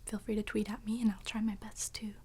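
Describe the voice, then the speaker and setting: A woman hosting an ASMR video, chatting to viewers in a soft, breathy whisper with hesitant pauses between short phrases. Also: medium pitch, little pitch movement, slight background noise.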